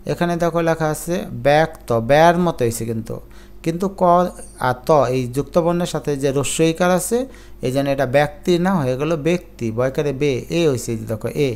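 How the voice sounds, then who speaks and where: A man's voice: fairly high pitch, a little fast, a little mellow, clean tone. A male teacher giving an exam-prep lecture, explaining pronunciation rules step by step with worked examples. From Bangladesh.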